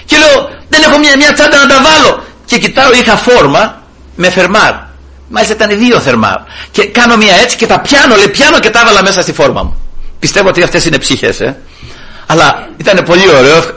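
A man delivers a sermon with a high, bright voice. His pitch swings widely as he tells stories and calls to his listeners as brothers. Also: breathy edge. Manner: animated storytelling, often addressing brothers. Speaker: preacher.

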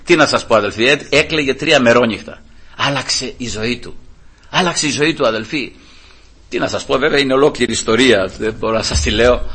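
A middle-aged man from the Peloponnese preaching a sermon in church, telling his own story as an animated storyteller who keeps turning to address the congregation. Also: medium pitch, slightly rough. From Greece, Peloponnese. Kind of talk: sermon with personal testimony.

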